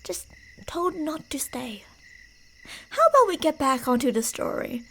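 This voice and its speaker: Her voice is high-pitched, very animated, a bit bright, and a little slow. She performs ASMR horror as a creepy, delusional yandere stalker, teasingly narrating her prey's path, playful and menacing with slips into whispers.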